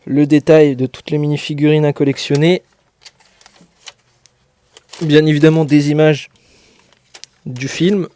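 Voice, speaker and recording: A man's voice: fairly high pitch, level tone, unhurried, pauses often, warm tone. A man giving a casual unboxing commentary as a LEGO reviewer, hesitant and full of fillers, with a joking aside now and then. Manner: hesitant, many fillers, jokey.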